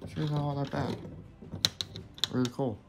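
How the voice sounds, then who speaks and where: Gravelly and mid-range, this young man's voice keeps a fairly even intonation and measured pace as he casually narrates a hands-on review of his own toy. Music plays in the basement room while he gives step-by-step instructions with asides and self-corrections.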